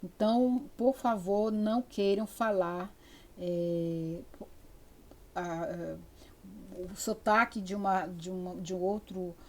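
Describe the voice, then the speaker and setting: A woman's voice: fairly low pitch, takes it slowly, darkish tone, a little hiss or hum. An older woman from the interior of Amazonas with a Brazilian Amazonas accent, giving a lecture in a chatty, digressive way full of fillers and restarts. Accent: Amazonas interior Brazilian Portuguese. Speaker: university lecturer. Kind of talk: spoken lecture.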